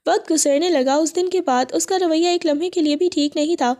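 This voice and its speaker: A woman reading a romance novel aloud, narrating in a steady, even storytelling manner. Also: very high-pitched. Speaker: novel reader.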